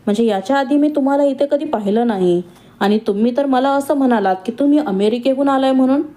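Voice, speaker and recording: A woman's voice: high voice, quick pace, dark tone, pitched above the performer's own voice, natural voice. A woman voicing a curious young woman who works in the house and asks a lot of questions.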